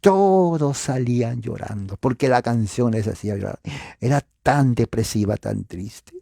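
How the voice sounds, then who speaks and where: A man's voice: mid-range voice, lively intonation, measured pace, creaky, dark tone, dry recording, clean studio sound. A man teaching church history in an informal lecture, asking his listeners rhetorical questions and using frequent filler sounds. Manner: speaks directly to viewers.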